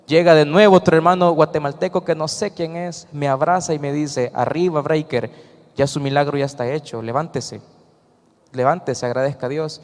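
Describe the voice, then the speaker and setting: A man's voice: a little high, darkish tone. A man with a Salvadoran accent giving an earnest personal testimony to a congregation, telling his story with acted-out quotes. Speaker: church member giving testimony. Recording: reverberant church hall.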